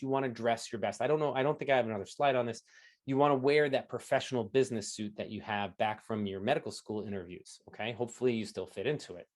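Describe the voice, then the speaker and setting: A man giving an energetic online coaching talk, standing as he speaks and often checking in with "right?" and "okay?". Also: medium pitch. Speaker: interview coach presenting a talk. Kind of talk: lively coaching talk to an audience. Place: indoors at home, standing while presenting.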